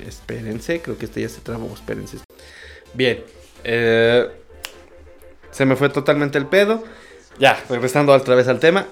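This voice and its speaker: A man with a Mexican accent in a casual comedic monologue, crude and rambling, swearing constantly, jumping between topics and laughing at his own jokes. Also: medium pitch.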